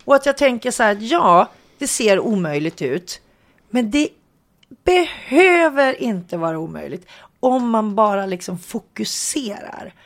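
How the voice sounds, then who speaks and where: A middle-aged woman co-hosting a casual chat, emotional and excitable, laughing easily. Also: mid-range voice. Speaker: co-host.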